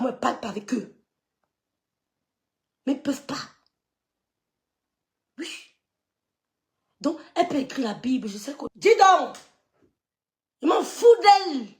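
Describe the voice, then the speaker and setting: Scornful woman with a gravelly voice. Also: fairly high pitch. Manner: scolding, scornful, repeats dismissive sucks of the teeth. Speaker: social media gossip streamer. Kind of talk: heated live-stream rant.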